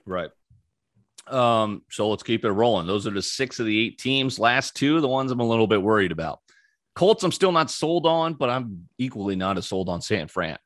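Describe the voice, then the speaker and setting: A man's voice: fairly low pitch, animated, moderate pace, fairly bright tone, dry recording, clean studio sound. A man hosting a sports betting podcast, running through picks in a casual, opinionated way with frequent ums.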